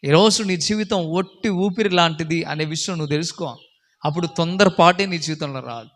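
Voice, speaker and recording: Male preacher, high bright voice, emphatic, repeats questions, sermon. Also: fairly quick. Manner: emphatic, repetitive questioning, rising to shouts; acts out characters in a story with changed voices.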